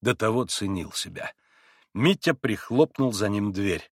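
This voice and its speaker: A man narrating an audiobook in a dramatic, expressive reading. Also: lowish voice, a little slow, slightly rough, no room sound, clean studio sound.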